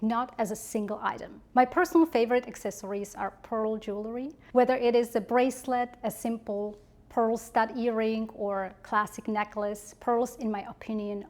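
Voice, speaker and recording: A woman giving polished instructional advice as an etiquette coach, with prim, measured, precise enunciation. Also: fairly high pitch, a little mellow.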